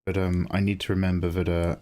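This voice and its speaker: Man, low-pitched voice, dark soft tone, casual livestream chat, rambling, thinking out loud. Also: flat delivery, fast talker. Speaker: streamer and digital artist.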